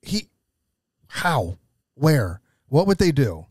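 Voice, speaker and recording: Man, American accent, podcast co-host, highly varied intonation, slightly high voice, casual and emphatic, close dry sound. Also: sing-song, slow pace, a little mellow, dry recording.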